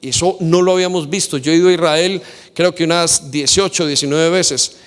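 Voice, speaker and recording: A man's voice: fairly high pitch, steady tone, moderate pace, clear, resonant tone. A man preaching a sermon as pastor, quoting scripture and speaking directly to his listeners. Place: church hall. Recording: long hall reverb.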